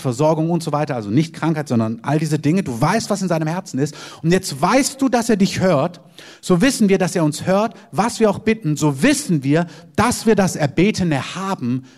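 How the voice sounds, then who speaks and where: A man's voice: fairly high pitch, darkish tone. A man preaching a sermon as pastor, emphatic and repeating amens.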